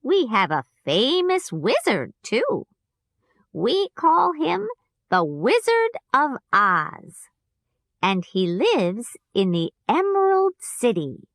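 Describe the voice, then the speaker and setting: A gentle good witch from a storybook speaks slowly and soothingly, put on by a woman reading aloud. Her voice is lively and rises high, recorded dry and close. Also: no room sound, full character voice. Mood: kindly.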